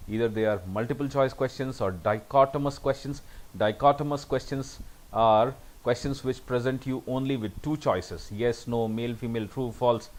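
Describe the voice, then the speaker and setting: Guy going through lecture slides, says okay a lot, mid-pitched voice. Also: moderate pace, a little mellow, rough recording. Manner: repeats "okay" often between points.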